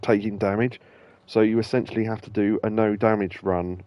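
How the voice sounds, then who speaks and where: Here a man streams and hosts a game, chatting loosely as he plays and often stumbling with ums and restarts. His low-ish voice holds a steady tone at a slightly quick pace, and the recording is dry and muffled.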